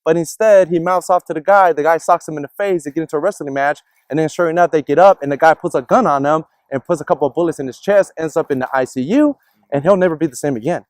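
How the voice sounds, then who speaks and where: A man telling a personal story in casual discussion, animated and acting out the people in it. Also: a little high, quick pace, no echo, studio quality. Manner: animated, acts out other people's voices in his stories.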